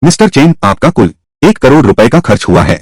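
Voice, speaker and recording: A man voicing all the characters of a drama by himself, switching pitch between roles. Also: big pitch swings, brisk, breathy edge, no echo. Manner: voices every character himself with shifting pitch. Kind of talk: single-voice dub of a drama.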